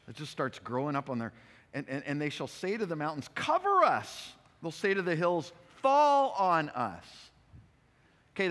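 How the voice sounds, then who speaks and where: Man preaching in a reverberant hall. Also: a little high. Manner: conversational, animated preaching with repetitions. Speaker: pastor. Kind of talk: expository sermon. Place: church sanctuary.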